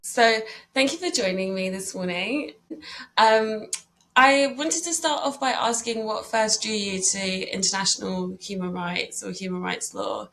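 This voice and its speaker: Female podcast host, gravelly, measured interviewer who hedges her questions. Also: medium pitch, a bit bright, soft background music. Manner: reads a formal introduction, then asks questions with hedging restarts.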